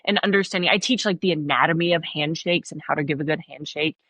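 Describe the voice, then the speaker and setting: A woman's voice: low-pitched, fast, dry recording. A woman from the American South, a leadership coach who talks in an emphatic, blunt way and acts out little scenes as a podcast guest. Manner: emphatic, blunt, animated storytelling. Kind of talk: podcast interview.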